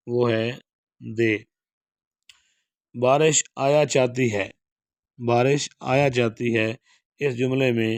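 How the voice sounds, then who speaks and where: A man's voice: medium pitch, dry recording, clean studio sound. A man, teaching an exam-prep lesson, reading each question and then explaining the answer. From Pakistan. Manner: steady explanatory delivery, reads question then gives answer. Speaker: Urdu lecturer. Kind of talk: exam prep lecture going through model paper answers.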